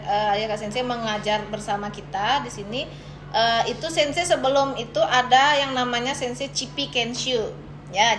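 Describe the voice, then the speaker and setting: A woman with an Indonesian accent, a teacher explaining things conversationally as a podcast guest, with frequent tag words. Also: a little high. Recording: echoey room with clear noise.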